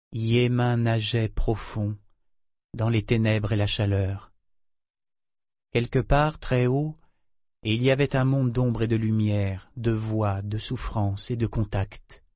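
A man narrating a novel in a measured, steady storytelling manner. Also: lowish voice, dry recording, clean studio sound. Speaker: audiobook narrator. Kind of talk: scripted narration.

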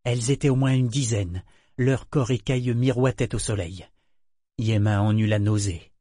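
A man giving a measured, scripted audiobook narration on a close studio mic. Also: medium pitch, dark tone, no echo.

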